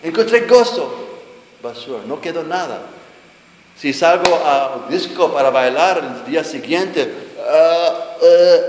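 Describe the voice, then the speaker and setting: A middle-aged man, giving an earnest, halting testimony sermon to teenagers and searching for words as he goes. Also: a little high. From Jordan. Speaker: preacher giving his testimony. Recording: echoey hall with long reverb, faint noise.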